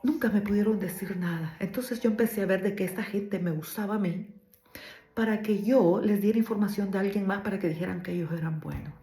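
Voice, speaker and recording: A woman's voice: medium pitch, brisk, mellow, roomy sound. A woman giving an emotional faith testimony as a sermon, earnest and repetitive, speaking straight to her listeners.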